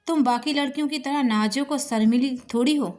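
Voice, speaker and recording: A woman voicing a flustered, exasperated young man in a spoken love story, in her own fairly high voice. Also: fairly quick, darkish tone, faint music behind, lightly acted. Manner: exasperated, scolding.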